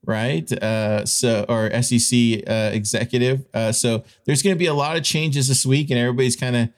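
A man's voice: medium pitch, steady tone, normal speed. A man delivers informal news commentary as a show host. He talks partly off the cuff and leans on repeated phrases to make his points emphatic.

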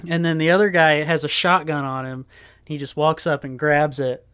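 A man chatting casually on a podcast, walking through a film scene by scene. He rambles along with plenty of ums and uhs, in a relaxed, conversational way. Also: on the high side, moderate pace, clear, resonant tone. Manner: rambling scene-by-scene retelling with fillers. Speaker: podcast co-host. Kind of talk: casual movie-recap chat.

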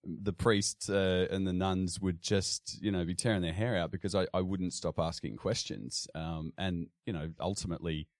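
Australian male guest, very low voice, dry close sound, hesitant and chatty with many restarts. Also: steady tone, normal speed, hardly any pauses, dry recording. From Sydney, Australia. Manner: hesitant, many restarts and fillers, frequent laughs. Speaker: podcast guest. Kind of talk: casual interview chat.

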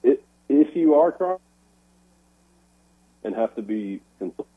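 A man calling a sports radio show over the phone on a bad cell line, halting and repeating words as he talks. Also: mid-range voice, lively intonation, husky, narrow, tinny audio. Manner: halting, repeats words while making his point. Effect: over the phone, breaking up on a bad cell line. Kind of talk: sports talk radio call-in.

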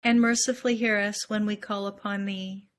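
Woman giving even-toned liturgical responses. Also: medium pitch, normal speed. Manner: formal recitation. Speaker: congregational respondent.

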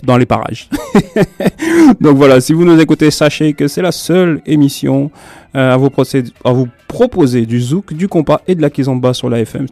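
A man's voice: mid-range voice, creaky, darkish tone. A man hosting a music radio show from a studio, chatty and self-mocking, chuckling at his own slips. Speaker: radio host. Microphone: studio microphone.

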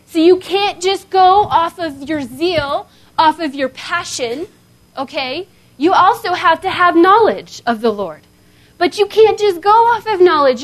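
A woman in her thirties giving a conversational sermon at a seminar, often checking in with "okay?". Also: very high-pitched. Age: 30s. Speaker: seminar speaker. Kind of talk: sermon-style talk. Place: seminar hall before an audience.

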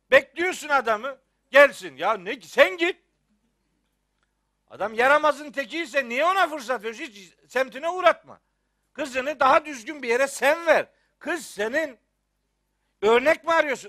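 A man's voice: extremely high pitch, bright, forceful tone, no echo, clean studio sound. A middle-aged man from Rize in Turkey, a Quran teacher giving a religious lecture, scolding with rhetorical questions and teasing humor.

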